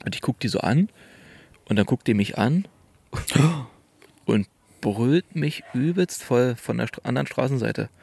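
Gravelly, husky young man telling a story. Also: mid-range voice, measured pace, long pauses, dry recording. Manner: slangy, animated storyteller. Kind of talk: casual chat, storytelling.

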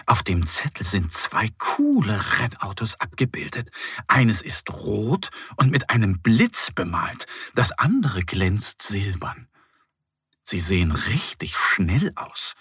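A man reads a children's story slowly, with a lively, swinging melody and a gravelly, husky texture. His tone is bright and gentle, and the sound is close and dry. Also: lowish voice, dry recording. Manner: gentle, expressive reading. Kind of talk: scripted children's story narration.

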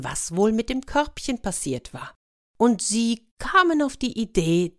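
A woman telling a fairy tale in a lively way, turning to her listeners with questions. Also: lowish voice. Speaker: storyteller.

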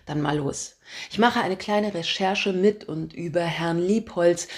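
Lower-voiced woman reading her own first-person story, lively and ironic. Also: gravelly. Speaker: author reading her book. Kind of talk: scripted narration, reading aloud.

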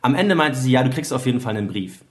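A man's voice: medium pitch, animated, racing. A young man telling a personal story in casual chat, earnest and vivid, acting out quotes and dropping English slang.

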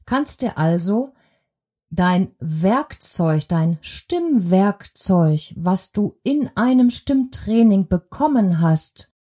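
Woman voice coach, podcast lesson, unhurried and mellow, measured explaining, talks to the listener directly. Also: mid-range voice, animated.

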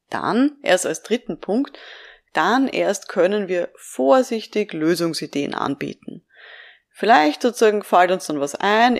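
A middle-aged woman calmly explaining step by step how to advise people in short conversations, now and then acting out example phrases. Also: fairly low pitch. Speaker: prevention trainer. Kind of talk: instructive podcast talk.

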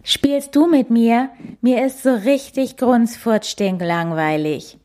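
A woman's voice: fairly high pitch, darkish tone, pitched above the performer's own voice. A woman voicing a bored, sulky little boy coati who whines and complains. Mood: whiny. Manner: whining, drawn-out complaining.

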